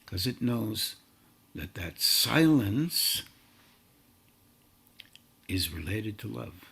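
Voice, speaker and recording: A man giving a meditative spiritual talk in slow, halting, drawn-out phrases. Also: fairly low pitch, sing-song, gravelly, pushed and bright, husky. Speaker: spiritual teacher.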